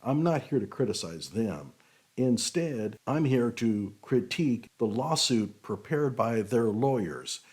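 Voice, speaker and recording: This show host, also a technical writing consultant, picks apart a legal document in a casual, explanatory and opinionated commentary full of fillers. He speaks unhurriedly in an expressive, slightly mellow mid-range voice.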